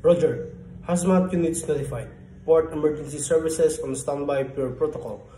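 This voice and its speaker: A man with a slightly high, dark-toned voice speaks at normal speed as a port control operator on marine radio. Following scripted procedure, he gives formal, clipped instructions, and the recording has room echo and a faint background hum.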